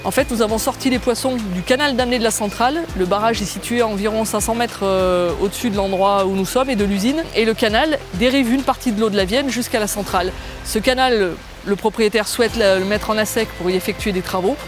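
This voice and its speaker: A woman's voice: mid-range voice, a little fast, over music. A woman giving an explanatory presentation about fieldwork.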